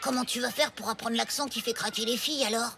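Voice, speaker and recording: A woman's voice: on the high side, fairly even intonation, fast talker, creaky, pushed and bright. A woman voicing a goofy, clueless schoolboy who talks in a dopey, hesitant way. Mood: skeptical. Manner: dopey, hesitant, matter-of-fact. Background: cartoon music.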